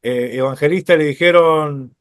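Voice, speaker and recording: A man teaching a Bible study lecture, explaining step by step, often checking in with his listeners and pausing on fillers. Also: a little high, no echo, studio quality.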